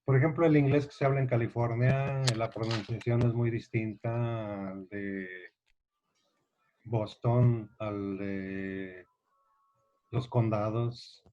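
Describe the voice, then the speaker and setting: A male teacher with a Guanajuato Mexican accent gives a classroom lecture at an unhurried, deliberate pace. He explains things patiently and keeps checking in with his students through rhetorical questions. The recording sounds dull and lo-fi. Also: medium pitch, steady tone, mellow. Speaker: literature teacher.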